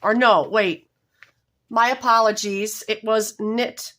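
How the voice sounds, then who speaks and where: Her voice is mid-range, steady, and fairly bright, though a cold leaves it slightly hoarse. She's a woman teaching knitting from home in an easygoing, step-by-step way, homey and apologetic, regularly pausing to correct herself.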